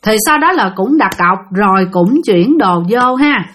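A woman narrating ghost stories sent in by listeners, in a chatty, animated way that speaks straight to the audience. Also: medium pitch, measured pace. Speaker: storyteller host of a ghost-story channel. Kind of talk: storytelling narration.

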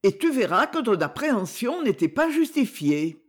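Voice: medium pitch, very animated, normal speed, voice pushed up. A storybook reader voicing an anxious widowed mother, a middle-aged woman, who speaks worriedly while trying to reassure her sister. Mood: reassuring.

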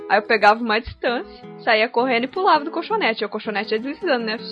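A young woman spins lively childhood stories on a casual podcast, acting out little voices as she goes. Her voice is high. Faint music sits behind her. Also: fast, muffled recording. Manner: animated storyteller, acts out voices. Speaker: podcast co-host.

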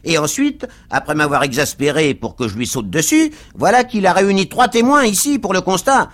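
A man shouting as a brawling, hot-tempered cab driver. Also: sits high, very animated, a little fast, pitched above the performer's own voice. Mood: furious. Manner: shouting, quarrelsome, coarse street speech. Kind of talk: literary reading for radio.

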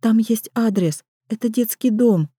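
A woman's voice: a little high, a little slow, dark tone, breathy edge, no room sound, studio quality. A woman voicing a young mother in labor, strained and urgent, speaking through clenched teeth.

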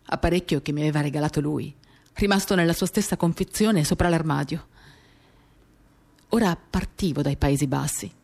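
Over acoustic guitar music, a woman reads a novel's literary monologue for radio theatre, intimate, dramatic and confiding, in short phrases. Her low voice is gravelly and a little mellow, at normal speed.

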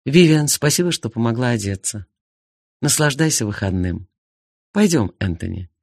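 A man's voice: mid-range voice, moderate pace, vocal fry, dry recording, studio quality. A man voicing a cool, composed older woman in an audiobook. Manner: calm, cool. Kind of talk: audiobook character voice.

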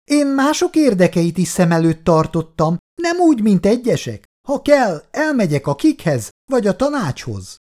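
A man reading a story aloud and voicing an angry, quarrelsome female neighbor who shouts from her window. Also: sits high, sing-song, hardly any pauses, voice pushed up. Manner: sharp, scolding.

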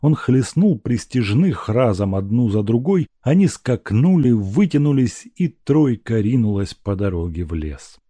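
Male narrator, lively reading, dry close sound. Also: medium pitch, unhurried, hardly any pauses, dry recording. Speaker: audiobook reader. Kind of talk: scripted narration of a classic novel.

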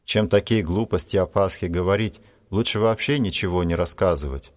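Male reader doing a haughty, scolding schoolboy, sharp and preachy. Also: low-pitched, fairly quick, close to an everyday voice. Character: proud, harsh, self-righteous schoolboy Vanya.

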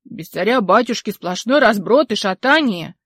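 A woman's voice: medium pitch, animated, moderate pace, fairly bright tone, husky, no room sound, studio quality. A woman doing a folksy old village storyteller. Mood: folksy storytelling. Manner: folksy, emphatic, rustic speech.

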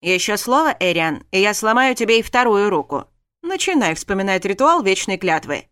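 A woman's voice: medium pitch, expressive, normal speed, a bit bright, clear, resonant tone, no room sound, clean studio sound, lightly acted. A woman voicing a stern young prince who threatens and commands. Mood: threatening. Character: angry royal prince, stern young husband.

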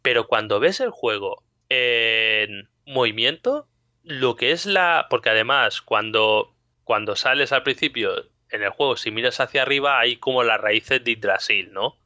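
Bright, animated Spanish man telling stories. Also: medium pitch, measured pace, dry recording, studio quality. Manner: animated storytelling, frequent laughter. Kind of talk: casual chat.

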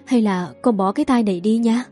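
A woman's voice: medium pitch, brisk, warm tone, soft background music, natural voice. A woman voicing a pleading, frightened young woman. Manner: pleading, anxious. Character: frightened young woman student, pregnant, tearful.

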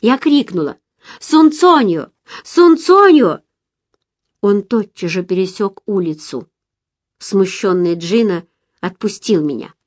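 A woman's voice: on the low side, measured pace, mellow, no room sound, studio quality. Woman narrating an audiobook. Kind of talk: first-person novel narration.

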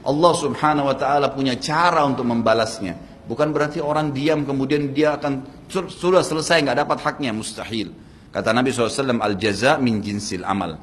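An earnest Indonesian-accented man preaching a sermon to his listeners. His voice sits at a middle pitch and rises and falls sharply when he stresses a point. A faint hum of ambience runs beneath the recording. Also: brisk, big-room sound. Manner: earnest, addresses audience directly, swings pitch for emphasis. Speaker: Islamic preacher.

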